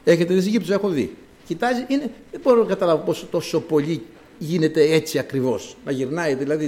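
A male preacher delivering a sermon. His voice sits high and swings widely in pitch, and he preaches in an emphatic, animated way.

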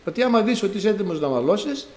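A man's voice: high voice, roomy sound. A middle-aged man preaching a sermon in a church, telling stories with acted-out quotes. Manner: storytelling with acted-out quotes, lively.

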